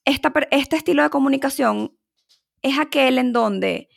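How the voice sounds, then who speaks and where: Gravelly-voiced woman psychologist explaining. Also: high-pitched, normal speed, no echo, clean studio sound. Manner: clear, explanatory, uses quoted examples. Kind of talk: educational explanation.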